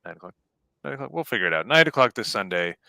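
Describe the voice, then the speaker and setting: Low, smooth man plugging his podcast. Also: very animated, rapid-fire, sharp tone, dry recording. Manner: hesitant, many filler words. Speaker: guest podcaster. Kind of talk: casual sign-off plug.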